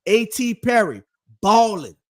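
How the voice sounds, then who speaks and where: A man co-hosting a casual sports podcast, talking in an animated, emphatic way and repeating his points. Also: high voice, unhurried. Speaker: podcast co-host.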